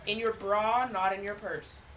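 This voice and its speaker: A woman's voice: mid-range voice, fairly even intonation, unhurried, a bit bright, low-quality recording. A woman in a casual group chat, giving blunt, frank advice. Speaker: co-host.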